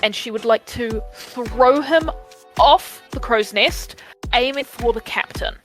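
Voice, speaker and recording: A woman player in a tabletop game, casual and animated as she describes her character's actions. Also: on the high side, takes it slowly, faint music behind.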